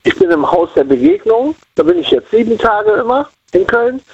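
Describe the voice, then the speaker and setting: A man's voice: very high voice, very animated, normal speed, vocal fry, a little mellow, slightly rough. A man from Cologne calling in to a radio show over the phone, chatting casually and rambling while he repeats himself. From Cologne, Germany. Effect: heard over the phone. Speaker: radio call-in caller. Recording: dull lo-fi phone line.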